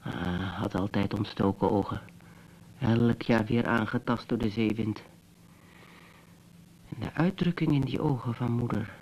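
Wry bitter brother in an old radio play, gravelly voice, drawls it out slow and mocking. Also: male voice, medium pitch, a little mellow, slight background noise, rough recording. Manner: slow, mocking, musing monologue. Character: wry, bitter adult brother, teasing yet tender. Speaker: brother reminiscing to his sister. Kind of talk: 1970s Dutch radio drama acting.

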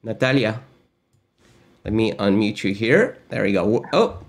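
Speaking a little slowly in a fairly low, expressive voice, the host is an Argentine man in his fifties. He runs an online lesson and interview in an upbeat, chatty style full of filler words, recorded at a desk in a home studio with a gaming chair.

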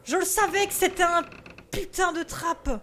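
A woman's voice: extremely high pitch, steady tone, normal speed, background noise. A young French woman streaming a horror game, jumpy and swearing, talking to herself as she gets scared. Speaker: gaming streamer. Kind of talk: let's play commentary.

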